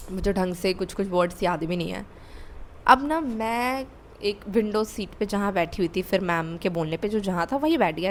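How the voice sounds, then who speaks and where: A woman's voice: medium pitch, slight background noise. A young woman vlogger telling a candid personal story, repeating words for emphasis. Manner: candid, confessional, with emphatic repetition.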